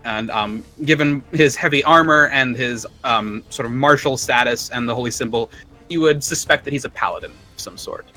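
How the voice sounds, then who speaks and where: A man's voice: medium pitch, normal speed, sharp tone. A man narrating a tabletop game as game master, describing scenes casually with many fillers, with music underneath.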